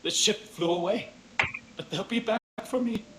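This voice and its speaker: A man voicing a traumatized young male alien in a video game, speaking in halting, fragmented phrases. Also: high voice, very noisy, natural voice. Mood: haunted.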